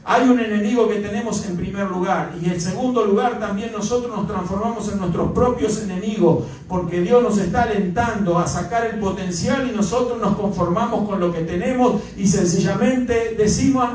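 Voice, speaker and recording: A male pastor preaches a sermon in a church, hammering each point emphatically and punctuating it with repeated amens. His high-sitting, darkish voice moves at a moderate pace with few pauses. The mic is far off in an echoey church hall, with a little hiss or hum.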